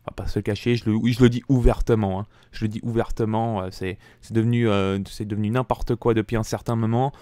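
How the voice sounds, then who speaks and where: A man's voice: steady tone, fast talker, hardly any pauses, no room sound, clean studio sound. Angry gamer man ranting. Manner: furious, swearing, pitch jumping up when shouting. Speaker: gaming YouTuber. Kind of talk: angry rant over gameplay. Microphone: desk mic.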